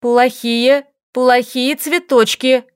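A woman reading an audiobook voices a frantic young woman, shrill and panicked. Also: steady tone, takes it slowly, clean tone, no room sound, studio quality. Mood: scolding, shaky. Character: panicky young woman facing monster flowers.

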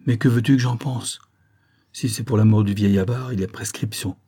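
A man's voice: fairly low pitch, steady tone, a little fast, warm tone, slightly rough. A man reading the part of a streetwise female police captain who talks bluntly and matter-of-factly. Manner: blunt, slangy, matter-of-fact.

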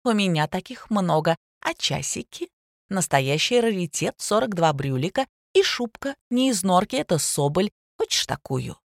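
A woman's voice: lowish voice, sing-song, no room sound, studio quality. A woman voicing a brash, mocking schoolteacher. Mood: boastful. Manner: mocking, quick, defiant. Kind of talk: audiobook character reading.

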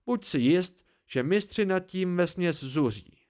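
A man's voice: high voice, expressive, darkish tone. A man reading an audiobook, voicing an irritable, blunt male student friend who scolds. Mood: irritated.

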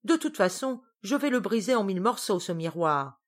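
A woman's voice: mid-range voice, expressive, moderate pace, natural voice. A woman voicing a vain, grumpy witch who complains indignantly. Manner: indignant, whiny.

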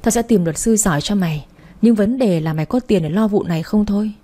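A woman's voice: medium pitch, quick pace, dark tone, close to an everyday voice. A woman voicing a frank, loyal female friend who reasons and offers help.

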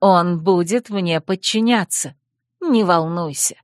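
Bold young woman, calm and confident, read by a narrator, dry close sound. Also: medium pitch, takes it slowly, no room sound, lightly acted. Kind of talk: audiobook character voice.

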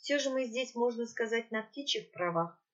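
A woman's voice: a little high, moderate pace, lo-fi sound. Woman narrating a fantasy audiobook. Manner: even storytelling, occasional slips. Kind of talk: first-person fantasy novel narration.

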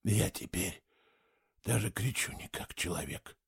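A man's voice: medium pitch, lively intonation, a little fast, no room sound, studio quality, lightly acted. Man playing a furious cyborg youth. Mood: bitter whisper. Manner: bitter, swings from whispers to ragged shouts. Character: enraged young man trapped in a cyborg body.

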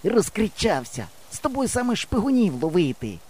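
A cocky, quick-tempered village boy snaps and bosses in a raised, bright-edged voice, as a male reader puts him on. His pitch is pushed well up from an adult's and swings widely as he argues. The delivery is quarrelsome and insistent, a storybook scrapper. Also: big pitch swings. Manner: bossy, quarrelsome, shouting across distance. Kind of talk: audiobook character voice.

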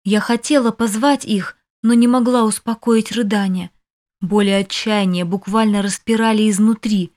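A woman narrates a first-person novel as an audiobook reader, telling the story with feeling in a middling-pitched voice. Her intonation stays fairly even, her pace is moderate, and her tone is darkish.

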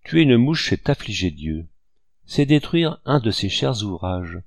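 A man reading an old storybook aloud in a measured, expressive way. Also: fairly low pitch, creaky, no room sound. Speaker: audiobook reader.

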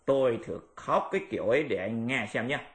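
A man's voice: medium pitch, animated, fairly quick, a bit bright, natural voice. A man voicing a lazy, sly male pig-monk with a grumbling manner in an audiobook. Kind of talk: audiobook character voice.

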